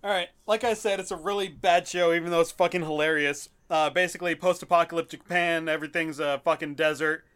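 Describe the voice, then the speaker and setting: A man's voice: fairly high pitch, steady tone, fast, hardly any pauses, fairly bright tone, clean tone. A man on a casual podcast chat, ranting and swearing as he explains things.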